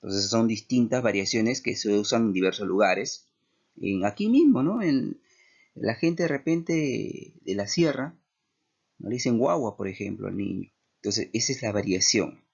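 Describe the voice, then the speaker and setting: Gravelly Peruvian teacher explaining to students. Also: male voice, on the low side, expressive, moderate pace. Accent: Peruvian Spanish. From Peru. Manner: explanatory, with many tag questions. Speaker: language teacher. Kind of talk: classroom lecture. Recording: dull lo-fi recording.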